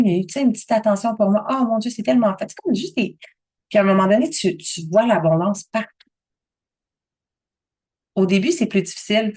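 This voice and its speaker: Québécois woman, 30s, lower voice, animated motivational coach. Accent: Québécois French. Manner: chatty and animated, acts out her own thoughts in a higher voice. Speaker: abundance coach.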